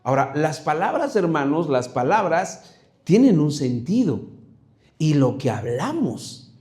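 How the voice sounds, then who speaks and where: A man's voice: on the high side, dark tone. A middle-aged man preaching a sermon as pastor, conversational and hesitant, often repeating words and asking the congregation to repeat after him.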